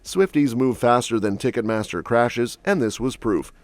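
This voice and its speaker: A man's voice: mid-range voice, lively intonation, normal speed, no room sound. Snarky male gossip narrator. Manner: snarky, quip-heavy delivery. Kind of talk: scripted entertainment gossip narration. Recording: dry voice-over with soft music bed.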